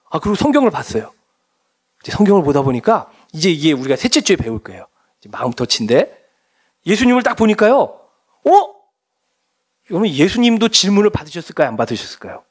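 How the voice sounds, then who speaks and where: A man's voice: high voice, fast, long pauses, slightly rough. A middle-aged man preaching as a pastor, talking to the congregation in a conversational way and asking many questions. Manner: animated, conversational preaching with frequent rhetorical questions. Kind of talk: sermon.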